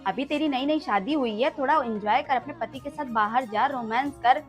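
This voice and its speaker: A woman's voice: high-pitched, normal speed, faint music behind, close to an everyday voice. Woman doing a teasing rustic mother-in-law. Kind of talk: amateur comic family skit.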